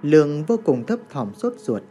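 A man narrating a horror story in a dramatic, expressive way. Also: fairly high pitch, moderate pace.

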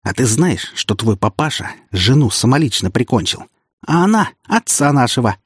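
A man's voice: medium pitch, sing-song, normal speed, husky, no room sound, clean studio sound, pitched above the performer's own voice. A male audiobook reader voicing a gloating treacherous middle-aged security chief who mocks and sneers. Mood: mocking. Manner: sneering, mocking. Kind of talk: audiobook character voice.

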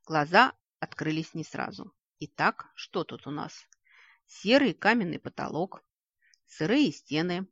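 A reader narrating a fantasy audiobook in lively, ironic first person. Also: mid-range voice, husky, dry recording, muffled recording.

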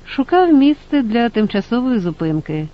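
A man voicing a calm, reserved traveller who answers evasively. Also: very high-pitched, moderate pace, lo-fi sound, voice pushed up.

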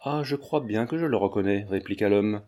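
Audiobook reader, man, middle-aged, mellow tone, steady narration, characters only lightly set apart. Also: on the low side, brisk. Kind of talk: scripted narration of a classic novel.

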